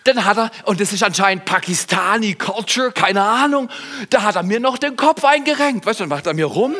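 A man from Germany preaching, telling a personal story and turning it into a sermon, speaking straight to the listener and swinging between loud outbursts and hushed lines. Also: high-pitched, lively intonation, a little fast. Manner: addresses listener directly.

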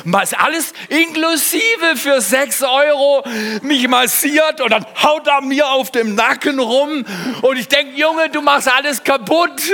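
A man from Germany preaching, telling a personal story and turning it into a sermon, speaking straight to the listener and swinging between loud outbursts and hushed lines. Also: very high voice. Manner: addresses listener directly.

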